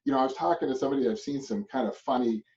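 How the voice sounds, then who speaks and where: A middle-aged man from Canada coaches real estate agents in a loose, rambling way and keeps tagging "right?" onto his points. His voice is dark and mellow. He sits back from a dull-sounding mic. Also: medium pitch, rapid-fire. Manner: rambling, repeats "right?", chuckles often. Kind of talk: motivational presentation. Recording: distant muffled mic.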